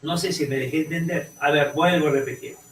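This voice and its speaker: A male teacher lecturing a class, halting and restarting often and checking in with "ok?" as he goes. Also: a little high, fairly even intonation. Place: echoey classroom. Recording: roomy classroom audio, mic far off.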